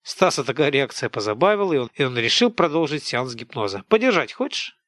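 A man narrating an audiobook in scripted, expressive storytelling narration. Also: mid-range voice, a little fast, no echo, clean studio sound.

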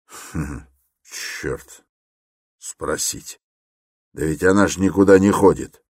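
Man doing a gruff impatient middle-aged man, grumbling, low voice, dry read. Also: slow pace, a little mellow, no room sound, exaggerated voice. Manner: grumbling, irritable.

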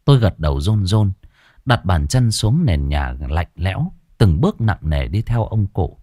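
Husky man reading a ghost story. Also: low-pitched, a little slow, no echo, studio quality. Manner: dramatic, expressive first-person reading. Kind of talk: scripted ghost story narration.

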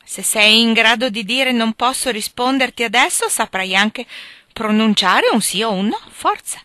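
A woman reading aloud, voicing a brutish, drunken young nobleman who shouts and bullies. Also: a little high, lively intonation, normal speed, no room sound, clean studio sound. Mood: shouting. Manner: loud, shouting, coarse.

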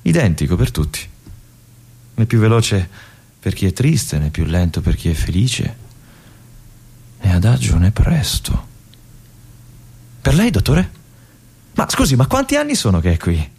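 A restless young army lieutenant, trapped in a remote fortress and brooding alone in a theatrical radio monologue. His husky, breathy voice often sinks to a whisper, with a lively, wide-ranging pitch that swings between hushed musing and agitated outbursts. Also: a little slow, pauses often, heavily acted. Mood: melancholy. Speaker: stage actor.

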